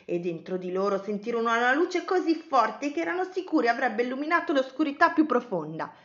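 A woman narrating and dramatizing a children's picture story with an animated, expressive delivery. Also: on the high side, brisk, muffled recording.

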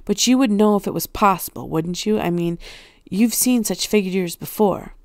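A woman's voice: mid-range voice, moderate pace, darkish tone, no room sound, clean studio sound, close to an everyday voice. A woman voicing a frightened, urgent teenage girl. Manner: eager, pressing questions.

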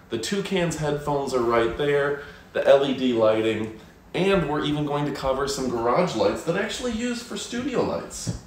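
Upbeat man pitching products to viewers. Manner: upbeat salesy pitch, addresses viewers as folks. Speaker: product reviewer. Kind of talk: live product review. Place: home studio room. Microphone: fixed camera, moves around the room. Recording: roomy home studio echo, faint noise.

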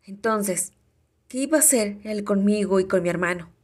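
A woman's voice: mid-range voice, moderate pace, a little mellow, lightly acted. A woman reading a storybook voicing an upset young man who sounds annoyed and choked. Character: young man, worried older brother, upset.

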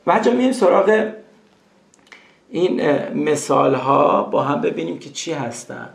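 Gravelly man teaching English. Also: fairly high pitch, animated, reverberant. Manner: chatty, addresses students as kids, repeats English phrases slowly. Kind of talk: recorded screen-share grammar lesson.

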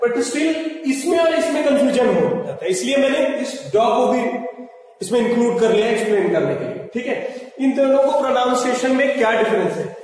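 A man giving a pronunciation lesson, patiently drilling words slowly one at a time and calling his viewers friends. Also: very high-pitched, animated, a little mellow. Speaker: teacher. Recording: echoey room, mic far off.

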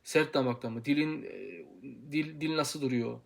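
An earnest young man in his twenties gives an informal pronunciation lesson, drilling syllables one by one. His voice sits at an ordinary middle pitch, and he talks with frequent pauses and restarts as he works through his points. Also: lively intonation, gravelly. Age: 20s. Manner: hesitant with many pauses and fillers. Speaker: Quran recitation teacher.

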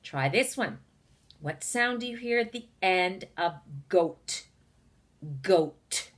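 Slow, encouraging woman teacher. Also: mid-range voice, lively intonation, a bit bright. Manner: slow, carefully enunciated, encouraging. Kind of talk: phonics lesson for young children.

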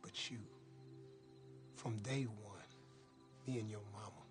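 A man's voice: on the low side, fairly even intonation, slow, faint music behind. A middle-aged actor with an American accent playing a proud, plain-spoken father in a film drama. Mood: earnest, reflective. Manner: plain-spoken, heartfelt, colloquial. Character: earnest, proud father counseling his teenage son. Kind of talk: naturalistic film drama acting.

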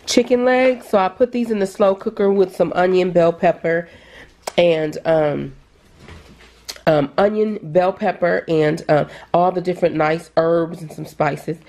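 Chatty middle-aged woman, low voice. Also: measured pace. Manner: chatty, excited, addresses viewers as "you guys". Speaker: vlogger. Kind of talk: casual shopping vlog and haul. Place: store aisles, then at home.

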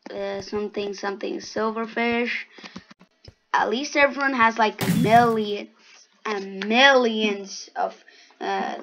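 A woman's voice: mid-range voice, a bit bright, dull audio, a little hiss or hum. A woman hosting a gaming channel, giving casual gameplay commentary with sarcastic, grumbling asides.

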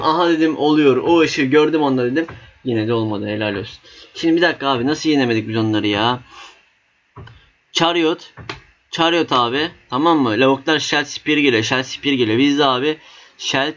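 Excitable young man commentating a battle game. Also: mid-range voice, brisk. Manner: excitable, swears casually, cheers on units. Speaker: gaming YouTuber. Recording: slightly dull lo-fi mic.

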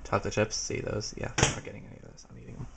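A man's voice: on the low side, completely flat delivery, racing, vocal fry. A young man bickering and teasing his friend in casual chat while baking in a home kitchen, recorded on a handheld camcorder. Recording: noisy home camcorder audio.

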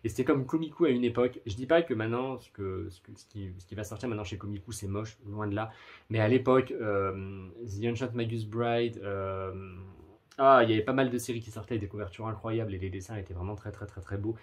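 A man's voice: lowish voice, fast. A man giving a casual video review of manga, gushing with superlatives and adding apologetic asides.

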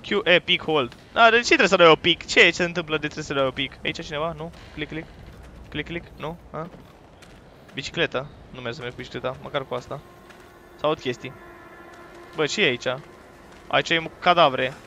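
A man giving loud, profane let's play commentary on a horror game, talking to his viewers and yelping at scares. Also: on the high side, pauses often, slight background noise. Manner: jumpy, profane, loud outbursts; talks to viewers while playing. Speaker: gaming YouTuber.

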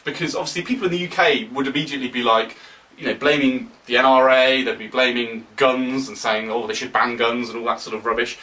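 A young man with a British accent giving animated, opinionated commentary to camera, often sarcastic. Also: medium pitch, recorded from a distance, poor audio. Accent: British English. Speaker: political vlogger.

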